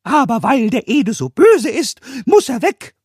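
A man voicing a cheeky little male kobold with a squeaky, childlike, indignant voice. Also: big pitch swings, unhurried, husky, no echo, clean studio sound, heavily acted.

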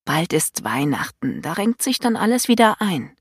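A woman's voice: lowish voice, big pitch swings, normal speed, breathy edge, no room sound, studio quality, exaggerated voice. Woman reading a teasing, caring young male friend. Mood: sympathetic. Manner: teasing, sympathetic. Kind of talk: audiobook character voice.

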